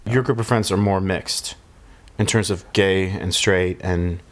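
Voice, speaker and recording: A man in his late thirties talking in a relaxed, conversational way beside his partner in a documentary interview. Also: low-pitched, measured pace. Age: 30s.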